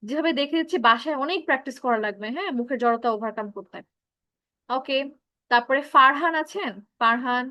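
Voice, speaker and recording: A woman with a Bangladeshi accent leads an online English class in an instructive tone, switching between Bengali and English. Her voice is high and bright, recorded dry and close. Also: expressive, a little fast, dry recording. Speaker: English speaking teacher.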